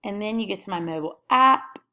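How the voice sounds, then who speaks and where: A woman's voice: medium pitch, lively intonation, fast, pushed and bright. A young woman narrating a screen recording walkthrough of her class website, casually and upbeat, listing item after item. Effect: screen recording voice-over.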